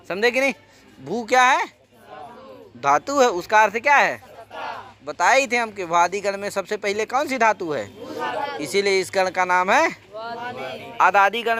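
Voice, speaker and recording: Male grammar teacher, high and very animated voice, lilt, question-and-answer classroom style, chants the rules. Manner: animated, keeps asking students questions and answering them himself. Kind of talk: classroom lecture.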